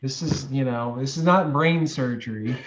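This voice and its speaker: Offering advice as a guest in a reflective interview, a forties-aged man rambles through loose sentences with many fillers and restarts. His medium-pitched voice moves at a moderate pace, and the recording is muffled with a little hiss or hum.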